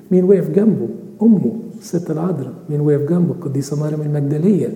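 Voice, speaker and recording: A man's voice: a little high, dark tone. A man with an Egyptian Arabic accent preaching a sermon, asking rhetorical questions and answering them himself. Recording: echoey hall reverb.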